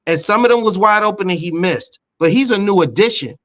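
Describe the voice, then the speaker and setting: Brief: higher-voiced New man, sports podcast co-host, insistent debater. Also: brisk, fairly bright tone. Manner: emphatic, insistent, repeats points.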